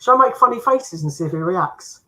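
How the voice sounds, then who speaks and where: A woman chatting casually with friends, lively and chatty. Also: fairly low pitch, fairly quick, rough recording. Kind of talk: casual chat.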